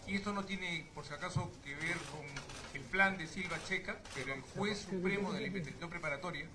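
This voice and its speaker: A man's voice: sits high, fairly quick, a loud crowd. A man lawyer with a Peruvian Spanish accent, addressing the judge formally in a courtroom and explaining a scheduling conflict. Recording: loud hiss and clicks.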